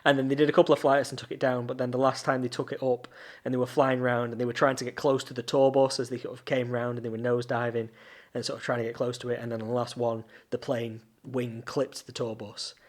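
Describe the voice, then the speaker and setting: A man's voice: mid-range voice, level tone, fast talker. A man co-hosting a podcast, telling stories in casual chat with lots of restarts and fillers. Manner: rambling storyteller with many restarts. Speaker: podcast co-host.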